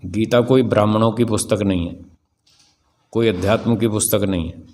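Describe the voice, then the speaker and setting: An older man giving a spiritual discourse, emphatic and rhetorical, slowing down to stress key phrases. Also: lowish voice, fairly even intonation, darkish tone. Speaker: spiritual teacher. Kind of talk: spiritual discourse answering questions.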